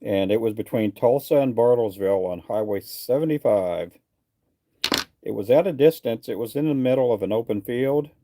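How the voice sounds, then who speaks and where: With a medium-pitched, dark-toned voice at normal speed, a middle-aged man from Texas hosts a fishing livestream. He takes viewer comments in an easygoing, rambling fashion full of fillers.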